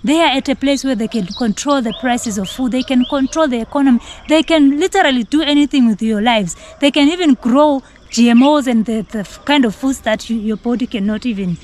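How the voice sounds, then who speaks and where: A woman speaks to camera in a fairly high voice. She is an earnest co-host, repeating key phrases for emphasis as she comments. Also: fairly quick, hardly any pauses, darkish tone. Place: outdoors in a leafy garden.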